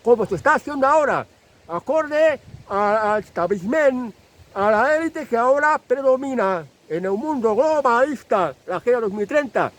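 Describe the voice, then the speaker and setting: In poor-quality audio, a Spanish man hosting a channel delivers an extended political rant, his voice very high for a man and expressive. He drives his arguments home through repetition and pads his pauses with fillers, sounding insistent throughout.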